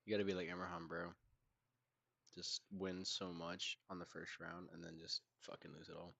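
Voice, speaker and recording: Very deep, bright-edged young man joking. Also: little pitch movement, normal speed, gravelly. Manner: crude, joking, swears freely. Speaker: podcast co-host. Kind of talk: casual chat.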